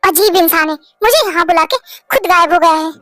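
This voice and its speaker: A woman's voice: very high-pitched, brisk, bright, forceful tone, dry recording, faint music behind. A woman voicing a shy, flustered young woman employee who stammers. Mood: chatty. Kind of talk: Hindi fan-story voice acting.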